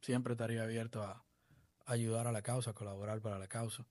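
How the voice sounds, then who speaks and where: A man from the Dominican Republic, a baseball coach being interviewed, talking in a measured, reflective way. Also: mid-range voice, level tone, a little mellow, no echo. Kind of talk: podcast interview.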